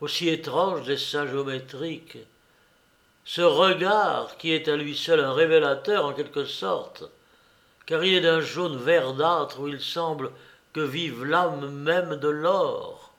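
A man voicing an agitated, obsessed asylum doctor whose voice trembles and who bursts out loudly in storybook narration. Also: a little high, takes it slowly. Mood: feverish.

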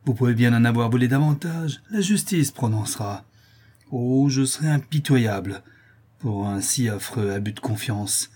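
A man's voice: mid-range voice, normal speed, a little mellow, breathy edge, natural voice. A man voicing a stern, furious employer who accuses his clerk harshly. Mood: stern accusing. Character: stern angry male employer, older, merciless.

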